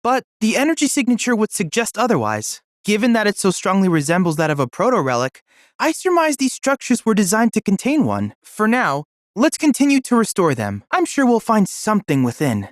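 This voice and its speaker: In scripted video game dialogue, a youthful-sounding actor plays a brainy, earnest android assistant who talks like a boy in formal, precise, bookish language. Eager and helpful, he speaks fairly quickly in a sing-song, medium-pitched, natural voice. The recording is dry and studio quality.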